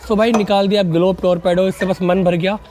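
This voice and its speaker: Out on a narrow residential street, this twenty-something motorcycle presenter talks informally to his audience as buddies, mixing in English. His high voice has fairly even intonation and runs a little fast with a slightly mellow quality. The wired lavalier recording carries a little hiss or hum.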